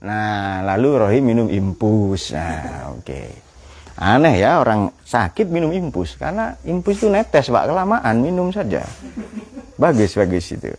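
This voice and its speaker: A man's voice: lowish voice, very animated, unhurried, a little mellow. A man teaching a Quran study class. He puts questions to his students and tells light anecdotes.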